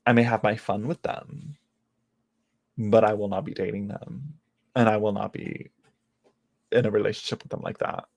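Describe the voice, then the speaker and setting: Late-twenties tarot reader, gravelly and chatty, rambles and restarts a lot, teases himself. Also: male voice, on the low side, big pitch swings, moderate pace, long pauses, a little mellow. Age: late 20s. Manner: rambling, self-mocking, many restarts. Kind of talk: casual live-stream chat.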